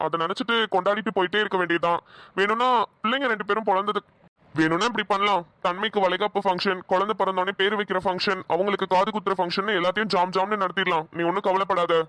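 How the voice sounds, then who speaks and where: A voice actor playing an elderly husband and father in a cartoon, gentle and fumbling, who stammers and coaxes. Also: medium pitch, steady tone, fast talker, no room sound, natural voice. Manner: stammering, coaxing. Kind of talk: cartoon dialogue.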